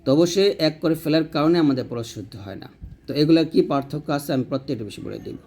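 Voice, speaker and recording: A man teaching Quran reading in a recorded tutorial, stretching out letter drills slowly between brisker explanations. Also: on the high side, warm tone. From Bangladesh.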